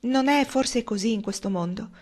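A woman reading aloud as an earnest young woman who speaks firmly but gently. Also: fairly high pitch, moderate pace, voice pushed up, natural voice.

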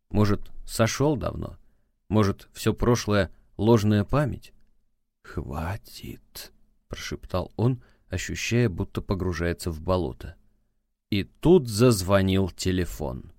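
A man reading an audiobook in a measured, dramatic narration style. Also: deep voice, darkish tone, no room sound, studio quality. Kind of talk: scripted narration.

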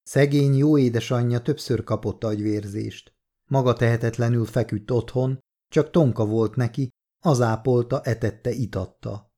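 In an audiobook, a man with a medium-pitched, mellow voice reads, lightly acted, as a chatty older woman, a mother who rambles and gossips freely. She starts out boastful and turns wary.

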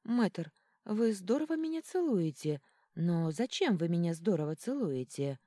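A woman voicing a squeaky, flustered young woman in an audiobook. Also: big pitch swings, unhurried, dark tone, no echo, clean studio sound. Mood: bewildered. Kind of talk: audiobook character voice.

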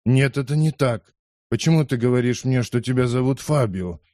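A man's voice: medium pitch, moderate pace, darkish tone, no room sound, studio quality, voice pushed up, lightly acted. A man voicing a proud, querulous, very old lord in an audiobook. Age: older.

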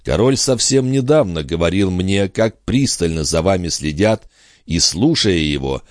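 Deep-voiced male audiobook narrator. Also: a little slow, no room sound, clean studio sound. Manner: calm, even storytelling.

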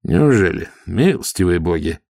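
A man's voice: deep voice, sing-song, moderate pace, gravelly, warm tone, no room sound, clean studio sound, exaggerated voice. A man voicing a tough, sardonic male watch commander who barks and mocks with feigned politeness. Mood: mock-innocent. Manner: barking, sarcastic.

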